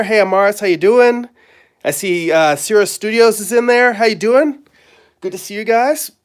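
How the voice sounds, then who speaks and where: A comic artist and live-stream host sits at a drawing table in his home studio, chatting casually while hoarse from a cold. His somewhat high voice is raspy and broken by throat clearing, and he rambles in a friendly, halting way with lots of fillers.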